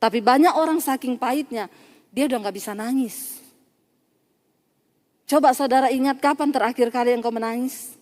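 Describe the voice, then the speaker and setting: A woman's voice: high-pitched, moderate pace, pauses often, darkish tone, in a large hall. A woman preacher delivering a sermon, telling a story with acted quotes, sudden emphasis and laughter.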